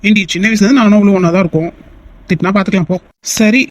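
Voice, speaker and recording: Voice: mid-range voice, steady tone, lightly acted. A voice actor doing bickering young man, Vikram. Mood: teasing. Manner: fast, bickering, scolding banter. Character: young man Vikram, teasing and easily annoyed. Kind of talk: cartoon voice dub.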